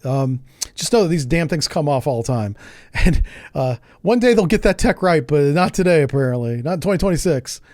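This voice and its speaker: Male streamer, chatty and quick to laugh, higher-pitched speaking voice. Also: expressive, darkish tone, dry recording, clean studio sound. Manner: chatty, jokey, laughs often, thinks aloud. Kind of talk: casual live gameplay commentary.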